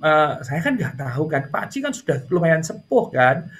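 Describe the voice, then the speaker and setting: A middle-aged man telling a story in a casual interview. He talks in a chatty way with many fillers and jumps up in pitch when a story gets lively. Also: moderate pace. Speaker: interview guest.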